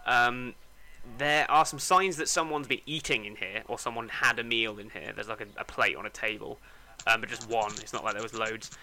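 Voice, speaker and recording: A man running a tabletop game as game master, describing scenes in a halting, laughing way. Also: mid-range voice, fairly even intonation, sharp tone, a little hiss or hum.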